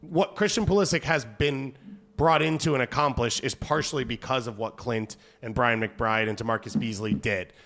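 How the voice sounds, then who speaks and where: A man hosting a casual soccer panel, talking quickly and thinking aloud. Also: medium pitch, creaky, a bit bright.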